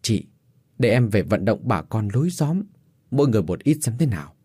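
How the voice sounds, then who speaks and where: A man voicing a kind village neighbor who reassures a grieving woman in quick words. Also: lowish voice, sing-song, darkish tone, husky, no room sound. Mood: reassuring.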